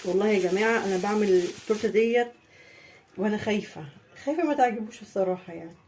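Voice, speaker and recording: Egyptian woman home baker, mid-pitched, chatty step-by-step cake tutorial, faint noise behind. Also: very fast, darkish tone. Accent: Egyptian Arabic. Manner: chatty, talks viewers through each step. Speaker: home baking vlogger. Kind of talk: casual cake-decorating tutorial.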